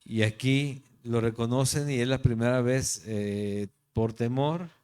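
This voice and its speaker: A man's voice: mid-range voice, a little slow, darkish tone, smooth. A man from Jalisco, Mexico, with a Mexican Spanish accent, teaching the Bible verse by verse as a pastor in a conversational way, often checking in with his listeners. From Guadalajara, Jalisco, Mexico.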